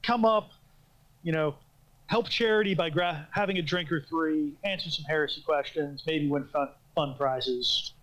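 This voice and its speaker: A man's voice: a little high, a bit bright, rough recording. Wry, joking male podcast co-host. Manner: wry, joking, quick asides. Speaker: podcast co-host, trivia organizer. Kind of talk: casual podcast chat.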